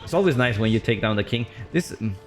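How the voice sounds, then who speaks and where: Here a man streams live commentary on a strategy game match at a quick clip, chatty and loose, full of fillers and restarts. He's excitable: his voice jumps high on big plays, then drops back to calm explanation.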